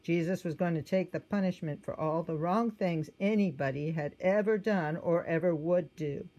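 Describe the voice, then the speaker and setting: Reading a children's storybook aloud, a woman uses a soft, lowish voice at a moderate pace, telling the tale gently and expressively. Every so often she pauses to point out what's happening in the picture. The recording has its highs cut off.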